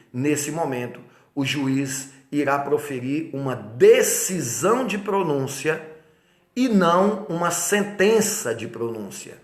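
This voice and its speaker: A man with a Brazilian Portuguese accent teaches an exam-prep law lesson, his voice set a little high for a man. He hammers key points with repetition and keeps asking the listener if it's all clear. The sound carries a noticeable room echo. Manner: emphatic, repeats key points, asks rhetorical check-ins. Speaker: law lecturer.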